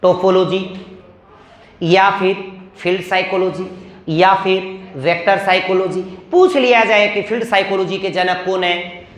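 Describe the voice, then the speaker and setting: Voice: mid-range voice, fairly even intonation, a little slow. A teacher giving a classroom lecture, repeating key terms and asking the class questions. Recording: echoey room.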